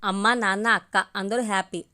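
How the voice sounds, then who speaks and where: A woman's voice: mid-range voice, fairly even intonation, moderate pace, bright, forceful tone, clean tone, close to an everyday voice. A woman reading as a shy young woman. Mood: gentle. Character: young bride-side woman, gentle and shy.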